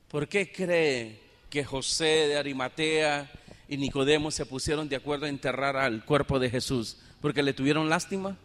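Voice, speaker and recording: A man preaching a sermon as pastor, pressing his point and asking the congregation rhetorical questions. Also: mid-range voice. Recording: long reverb of a hall.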